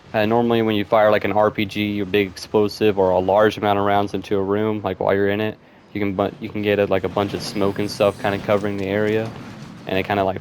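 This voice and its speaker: A man's voice: on the low side, a little mellow, smooth. A man giving casual, rambling gameplay commentary, thinking aloud with lots of fillers. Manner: rambling, loose, with frequent fillers like "and stuff".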